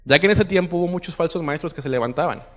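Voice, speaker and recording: A man's voice: on the high side, fast, a bit bright. A man preaching a sermon, reading scripture aloud with swelling emphasis and putting questions to the congregation. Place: church hall. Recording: reverberant church hall.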